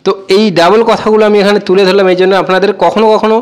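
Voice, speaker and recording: A man giving a casual spoken language lesson, repeating each word slowly and addressing viewers as friends. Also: high voice, little pitch movement. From Bengal. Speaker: language teacher.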